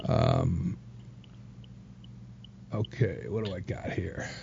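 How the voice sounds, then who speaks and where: A hesitant man hosting a casual podcast, often pausing on fillers. His voice is mellow and dark, and it comes through a dull, lo-fi recording. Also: sits low, creaky, slight background noise. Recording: dull lo-fi sound.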